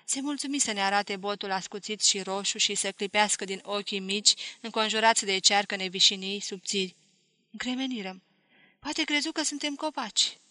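A woman narrating a literary novel aloud in a slow, deliberate, expressive way. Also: mid-range voice, dry recording. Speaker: audiobook reader.

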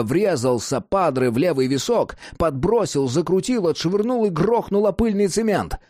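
Male audiobook narrator with a lively, dramatic delivery and a dry, close sound. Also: fairly high pitch, no echo. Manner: animated, dramatic reading.

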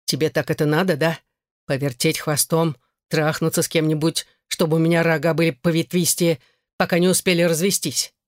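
A reader voicing a jealous, domineering man who speaks slowly through clenched teeth in an audiobook. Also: mid-range voice, little pitch movement, no echo, studio quality, natural voice. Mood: stern. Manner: slow, clipped, through teeth. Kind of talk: audiobook character voice.

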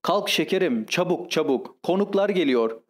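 A man voicing a flustered, coquettish young lady of the house in an audiobook reading, raising his voice higher for her. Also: lively intonation, moderate pace. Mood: urgent.

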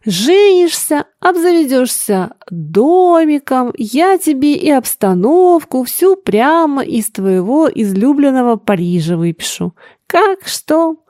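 A woman voicing an excitable aging father. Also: slow pace, no echo, clean studio sound, exaggerated voice. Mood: teasing. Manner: emotional, by turns teasing and shrill.

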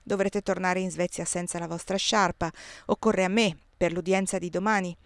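Give me a woman playing an assured marshal, brisk and commanding. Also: fairly low pitch, fairly even intonation, no echo, lightly acted.

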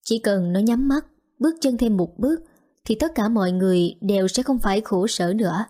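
A woman narrating an audio story in a calm, even storytelling manner. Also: mid-range voice, a little fast.

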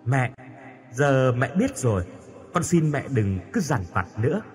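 A man's voice: mid-range voice, sing-song, measured pace, faint music behind. A man voicing a tender ghost daughter. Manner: soft, pleading. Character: young dead daughter, tender spirit.

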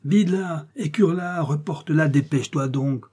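A man's voice: medium pitch, moderate pace, dark tone, slightly rough, lightly acted. A man reading aloud and voicing a pompous, fussy village apothecary in an indignant rant. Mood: commanding. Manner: indignant ranting tirade, exclamatory.

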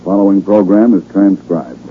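A man announcing and chanting a slogan slowly, in the manner of a 1940s radio show, heard through a scratchy old radio broadcast recording. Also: deep voice, narrow, tinny audio. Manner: slow, drawn-out slogan chanting.

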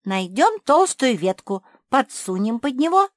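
A woman voicing the youngest pug puppy sister, an excitable and bold little girl who shouts in a shrill, high voice. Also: unhurried, dry recording, clean studio sound. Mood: excited.

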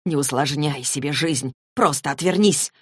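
Woman reader as a tense young man, low, slow and guarded, dry sound. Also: husky, dry recording. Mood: urgent hush. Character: torn, stubborn young male fighter.

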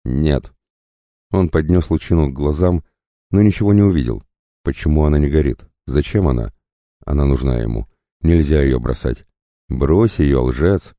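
A man reading a dark fantasy story aloud as an audiobook narrator, in a measured, grave way. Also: extremely low pitch, no echo, clean studio sound.

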